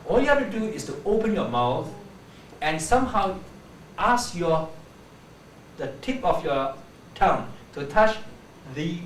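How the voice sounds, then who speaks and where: Male speech teacher, higher-pitched voice, drills words aloud, recorded off-mic in a roomy space. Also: sing-song. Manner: demonstrates sounds slowly, repeating words. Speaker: pronunciation teacher. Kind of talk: pronunciation lesson with demonstrations. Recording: echoey room, voice from a distance, faint background hum.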